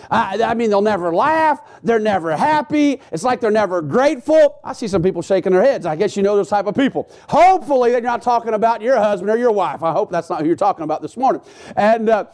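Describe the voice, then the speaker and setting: A man as pastor, preaching a sermon with frequent halting restarts and repeated words. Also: sits high, a little mellow.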